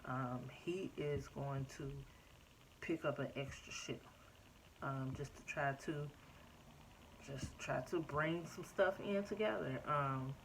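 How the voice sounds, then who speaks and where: A woman in her thirties talks to her camera at home in an unhurried, low voice. Her update is chatty and loose, full of "um" and "like". A faint hum of room ambience sits under her. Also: rough recording. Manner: chatty, frequent "um" and "like", addresses viewers as "y'all". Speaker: vlogger. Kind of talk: casual personal update to camera.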